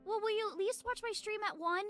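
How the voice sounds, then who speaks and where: A woman doing a squeaky bubbly young idol girl. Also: fast talker, fairly bright tone, soft background music. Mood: playful. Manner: perky, singsong and playful.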